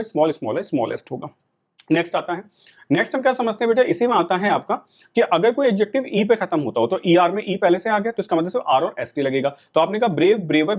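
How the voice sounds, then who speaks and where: A middle-aged man with an Indian accent, giving a classroom lecture as a teacher, explaining patiently and checking in with the students often. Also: on the high side.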